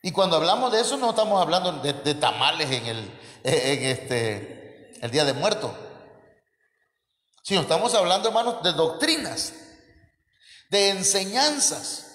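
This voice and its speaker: A man's voice: fairly high pitch, animated, measured pace, long pauses, fairly bright tone, echoey room, in a large hall. A man with a Mexican Spanish accent preaching a sermon, calling his listeners brothers and asking rhetorical questions. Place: church.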